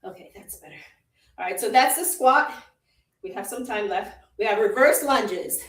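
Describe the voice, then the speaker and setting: At a moderate pace and medium pitch, this animated, somewhat bright-voiced woman with a Jamaican accent coaches a live online workout. As a fitness instructor she keeps repeating short encouragements and laughs often; the sound is roomy and distant.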